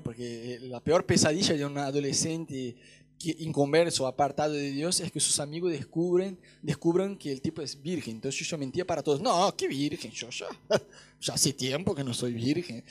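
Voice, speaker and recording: Young guy w rioplatense accent, high voice, giving his testimony like a sermon, acts out all the bits. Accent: Rioplatense Spanish. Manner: animated storytelling, acts out scenes and voices.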